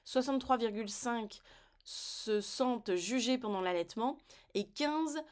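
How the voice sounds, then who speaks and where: A woman's voice: fairly high pitch, unhurried, clean tone. A woman, hosting a breastfeeding-advice channel in a casual vlog, chatting and joking straight to her viewers and translating texts aloud as she goes. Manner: reads aloud and translates on the fly. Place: home set with decor.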